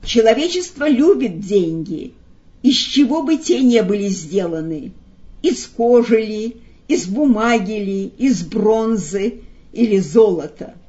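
A woman voicing a dark, lordly male magician who speaks thoughtfully and without hurry in a storybook reading. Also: low voice, expressive, lo-fi sound. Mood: pensive. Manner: thoughtful, unhurried.

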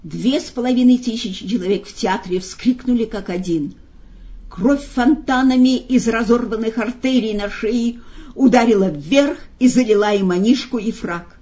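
A woman reading a story aloud in a steady, expressive narrating voice. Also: fairly high pitch, normal speed. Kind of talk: audiobook narration. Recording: dull lo-fi recording.

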